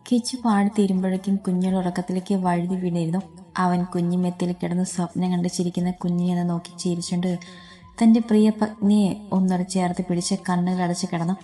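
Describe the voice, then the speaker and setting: A woman narrating a romantic story in a steady, even reading voice. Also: fairly low pitch, fast talker, soft background music.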